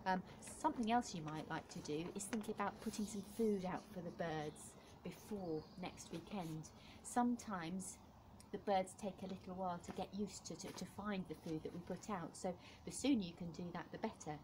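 A woman, a primary school teacher, talking gently and encouragingly to children in a home-recorded lesson from her kitchen. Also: on the low side, moderate pace, noisy background. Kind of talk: home-learning video lesson.

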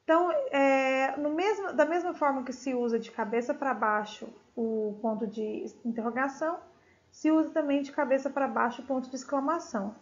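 High-voiced Brazilian woman teaching Spanish. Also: moderate pace. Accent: Brazilian Portuguese. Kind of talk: recorded remote class, explaining a text. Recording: dull lo-fi recording.

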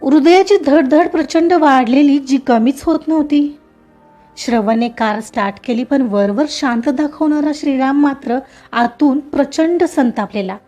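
A woman narrating a romantic story with expressive, emotional delivery. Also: high-pitched, a little slow, soft background music.

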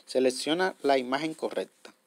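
A man's voice: mid-range voice, animated, moderate pace. A man hosting a step-by-step app tutorial. He explains patiently, repeats himself, and keeps checking in with his viewers. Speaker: tutorial host.

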